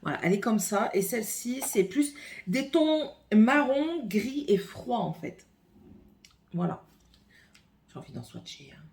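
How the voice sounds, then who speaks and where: A woman's voice: on the high side, very animated, unhurried, gravelly, long pauses, a little mellow. Chatty woman unboxing makeup at home. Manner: chatty, thinks aloud while unboxing. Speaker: beauty vlogger. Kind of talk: casual makeup haul with swatches. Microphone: phone camera.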